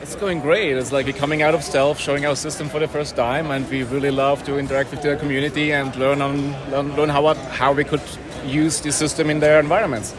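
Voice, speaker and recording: A man's voice: a little high, flat delivery. A man giving casual interview answers at a conference event, often rephrasing as he goes. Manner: halting, rephrasing, frequent "like". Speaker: company representative interviewee. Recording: busy crowd behind. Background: crowd.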